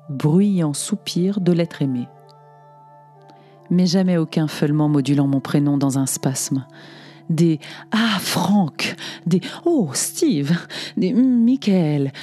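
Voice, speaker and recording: A woman reading a first-person literary text aloud in a wry, ironic, deliberate manner. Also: low voice, dark tone. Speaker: audiobook narrator. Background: faint music.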